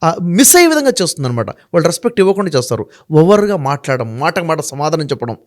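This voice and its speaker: Sing-song and rapid-fire, this man's voice leans high as he explains things during a sit-down interview. He makes his points emphatically in numbered order and poses rhetorical questions to the host.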